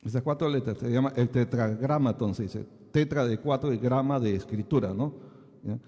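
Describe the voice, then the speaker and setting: Pastor teaching in a reverberant hall. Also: male voice, medium pitch, normal speed, mellow. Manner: asks the congregation many checking questions. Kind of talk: teaching sermon.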